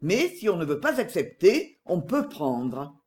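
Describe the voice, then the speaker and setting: A reader voicing a calm, enigmatic man who speaks softly and insinuatingly, in an audiobook. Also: sits high, measured pace. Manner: soft-spoken, calm, insinuating. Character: calm, enigmatic man, a gently scheming brother. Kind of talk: audiobook dialogue.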